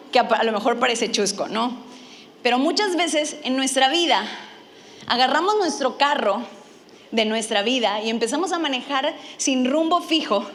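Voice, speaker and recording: A woman from Mexico, preaching a sermon and telling a funny personal story, acting out her own lines with animation. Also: sits high.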